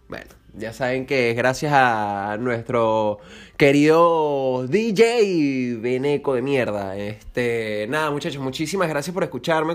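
A young man hosting a casual solo podcast, rambling and joking crudely, often breaking off to correct himself. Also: mid-range voice. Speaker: podcast host.

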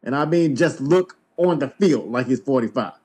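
A man's voice: mid-range voice, expressive, moderate pace, darkish tone, breathy edge. A man hosting a sports podcast, giving blunt, emphatic opinions. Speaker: podcast host.

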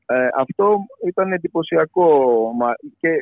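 Man, somewhat high pitch, halting analytical interviewee, searching for words, narrow phone audio, dry. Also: expressive, vocal fry, no room sound. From Greece. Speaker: pollster and election analyst giving an interview. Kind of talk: spontaneous political analysis in an interview. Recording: tinny, band-limited phone line.

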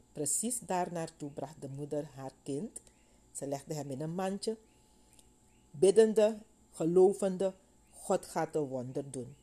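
A middle-aged woman delivers a sermon with a warm, slightly husky and fairly low voice. She retells Bible stories with animated storytelling and briefly takes on the voices of the people in them. Her tone rises sharply when she acts out a line. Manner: animated storytelling, acting out voices of biblical figures. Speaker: preacher.

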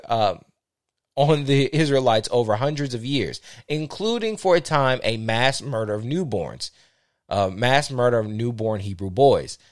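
A man's voice: medium pitch, dry recording. Male podcast host, casual scripture reader, trips over words and fixes them, dry close sound. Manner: stumbles and corrects himself while reading aloud. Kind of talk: casual Bible reading with commentary.

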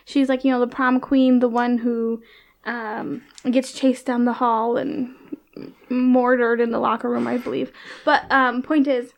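Woman, high voice, casual teasing chat, lots of fillers, office. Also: flat delivery, measured pace, gravelly. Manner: loose and teasing, full of "like" and "um".

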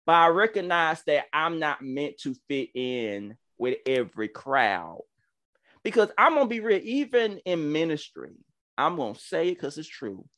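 A man's voice: fairly high pitch, very animated, moderate pace, fairly bright tone, dry recording, clean studio sound. A man in his thirties from Georgia with a Southern accent, a podcast host and minister telling a testimony in a fervent, preacherly way with stammering restarts. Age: 30s. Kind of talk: testimony-style storytelling.

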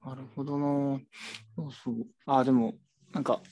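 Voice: medium pitch, moderate pace. A bookshop staffer chatting casually while showing shelves, rambling with many fillers. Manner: animated, rambling, full of fillers. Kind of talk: casual chat.

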